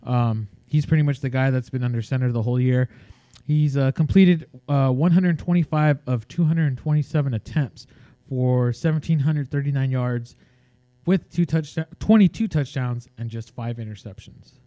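A man with a Californian accent co-hosting a sports podcast, talking casually with hesitant, halting delivery. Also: mid-range voice, dark tone, no room sound. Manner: hesitant, many fillers and restarts.

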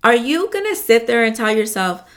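A woman's voice: on the high side, big pitch swings, moderate pace. A woman hosting a casual motivational talk, rambling with lots of fillers and frequent swearing, often calling her listeners "you guys".

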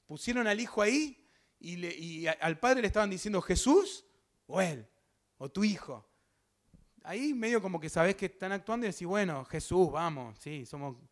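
High-voiced Rioplatense man preaching a testimony. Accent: Rioplatense Spanish. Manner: vivid storytelling with sound effects and acted quotes; addresses the congregation directly. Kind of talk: sermon testimony.

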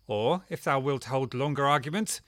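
A man's voice: medium pitch, moderate pace, fairly bright tone, no room sound, natural voice. An actor playing a genial prince who teases his singer and plots with his friends in courtly speech. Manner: courtly, playful, teasing. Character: genial, commanding male prince. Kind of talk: stage play performance.

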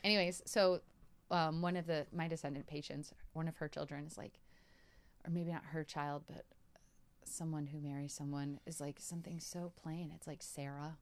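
A woman's voice: low-pitched, steady tone, normal speed. A woman co-hosting a podcast, chatting casually and rambling with lots of fillers and laughs. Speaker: podcast co-host. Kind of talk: casual chat.

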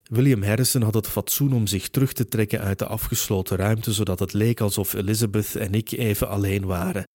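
A man narrating a first-person novel in a measured, steady storytelling manner. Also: on the low side, no room sound, clean studio sound. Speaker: audiobook narrator.

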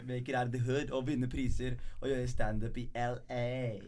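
A man's voice: medium pitch, a crowd in the background. A young man from Norway, a guest comedian, telling stories in a casual podcast chat with playful bravado. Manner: animated storyteller, playful bravado.

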